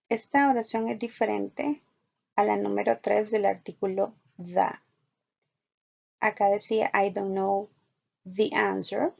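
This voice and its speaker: Slow, gravelly-voiced woman teaching. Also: medium pitch, darkish tone. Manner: slow, patient explaining, repeats example sentences slowly. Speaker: English teacher. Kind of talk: online language lesson. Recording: dull lo-fi recording.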